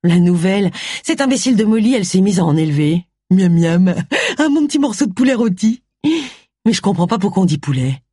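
A woman's voice: medium pitch, sing-song, fairly quick, mellow, slightly rough, no echo, clean studio sound. A woman voicing a crude, scolding old mother who is a village witch, in an audiobook.

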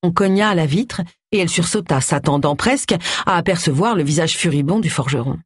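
Measured mystery narration, breathy husky voice, dead dry close mic. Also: medium pitch, dry recording. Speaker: audiobook narrator. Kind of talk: scripted narration of a cozy mystery.

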